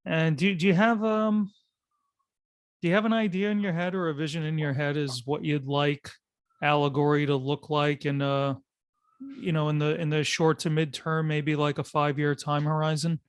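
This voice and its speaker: A man's voice: on the high side, flat delivery, moderate pace, smooth, no room sound, studio quality. A man interviewing someone in a conversational style, putting questions and thoughts to a guest.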